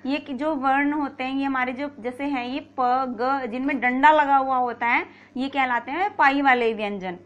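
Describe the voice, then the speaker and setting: A woman's voice: sits high, steady tone, moderate pace, few pauses, fairly bright tone, lo-fi sound, a little hiss or hum. A woman teaching a grammar lesson, patiently explaining, asking and answering her own questions, and repeating key points.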